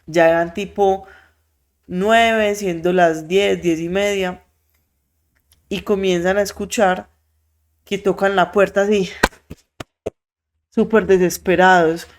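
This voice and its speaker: A podcast host, telling a story in an animated way, with many fillers and quoted voices acted out. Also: mid-range voice, slow pace, long pauses. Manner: frequent filler words.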